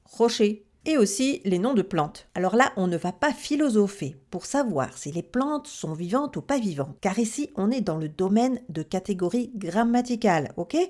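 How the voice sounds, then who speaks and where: A woman teaching a Russian grammar lesson in French, lively and chatty, asking questions and answering them herself. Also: mid-range voice.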